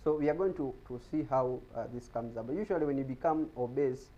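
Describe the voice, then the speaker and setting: A man's voice: mid-range voice, fast, warm tone, highs cut off. A man giving an explanatory talk on health in a TV studio, often repeating words as he searches for them. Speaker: guest speaker on health.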